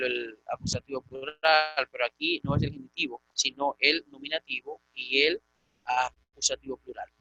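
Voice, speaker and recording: A man teaching a Greek grammar lecture, patiently repeating and slowly spelling out word forms. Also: fairly high pitch, gravelly, sharp tone, no echo, low-quality recording.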